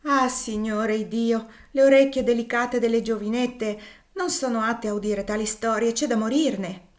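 A woman voicing an excitable older female cook in a read-aloud novel, exclaiming loudly in a raised voice. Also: a little slow, lightly acted. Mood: alarmed. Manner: loud, high and exclaiming.

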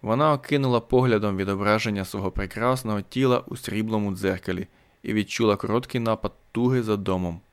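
A man narrating a science fiction story as an audiobook in a steady, even manner. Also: fairly low pitch, fast, smooth.

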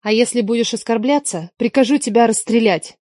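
A man's voice: very high-pitched, brisk, a little mellow, dry recording, studio quality, voice pushed up. A man putting on a grumpy hungover young woman. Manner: sulky, curt and commanding. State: headache.

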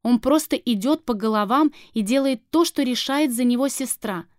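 A grim, stubborn man with a shaved head, read by a woman narrator in her own fairly high voice. He talks flatly, firmly and bluntly. The recording is dry and close. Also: normal speed, no room sound, natural voice. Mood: bitter. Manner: flat, firm and blunt. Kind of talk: audiobook character reading.

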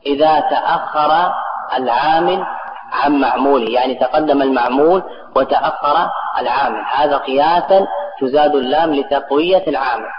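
A man giving a classroom grammar lesson to students, explaining step by step and putting questions to the class. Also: fairly high pitch. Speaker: grammar teacher. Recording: echoey, dull lo-fi recording with a crowd behind.

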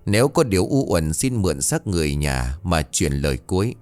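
Stern old ritual master, solemn chanting tone, very deep voice, male narrator reading. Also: big pitch swings, a little fast, darkish tone, dry recording, faint music behind. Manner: solemn, incantatory.

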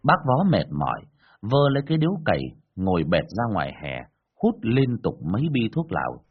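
A man narrating a ghost story in a dramatic, animated storytelling manner. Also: lowish voice, a little fast, breathy edge, narrow, tinny audio.

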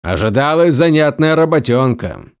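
Мужчина-чтец озвучивает взрослого наёмника, говорящего спокойно, сухо и с иронией. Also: male voice, medium pitch, moderate pace, clear, resonant tone, no echo. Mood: wry. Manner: calm, dry and ironic. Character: adult male mercenary, calm and wry.

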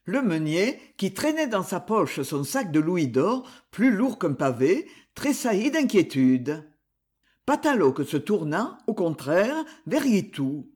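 An audiobook reader narrating a classic novel in a measured, expressive way, giving the characters voices. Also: medium pitch.

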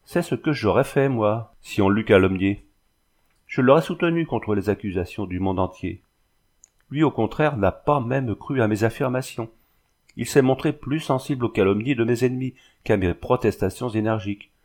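A man's voice: lowish voice, lively intonation, normal speed, darkish tone, close to an everyday voice. Male reader voicing a proud, wounded young heroine; storybook reading, bitter and restrained.

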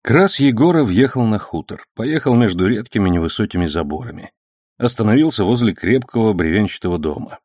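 A man reading an audiobook with measured, storytelling delivery. His pitch moves a lot as he tells the story. The sound is dry and close. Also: animated, darkish tone, no room sound. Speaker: audiobook narrator.

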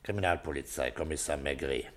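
An actor playing a calm, authoritative middle-aged Paris police commissioner, terse and matter-of-fact, in a German radio play. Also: male voice, a bass voice, brisk. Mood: probing.

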